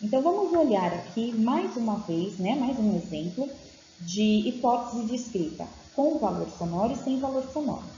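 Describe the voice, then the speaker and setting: Woman teacher trainer, patient explainer, mellow tone, dull echoey room recording. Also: a little high, lively intonation, moderate pace. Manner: explains patiently, with frequent check-in tags. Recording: dull, echoey room audio with faint noise.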